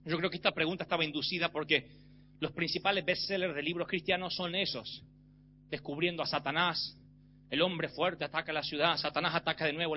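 Male preacher, high register, forceful sermon delivery, muffled lo-fi sound with a light hum. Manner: emphatic, rising to shouts. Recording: slightly dull with faint hum.

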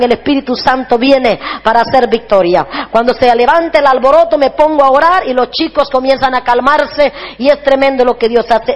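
High-voiced woman preacher in an echoey hall. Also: highs cut off. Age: 40s. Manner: animated storytelling, acts out children's shrieking voices. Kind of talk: humorous sermon.

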